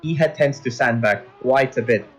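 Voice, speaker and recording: A man's voice: medium pitch, normal speed, slightly rough, poor audio. Chatty male sim-racing commentator. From India. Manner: chatty, laughs often, addresses co-host as mate. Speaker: race commentator.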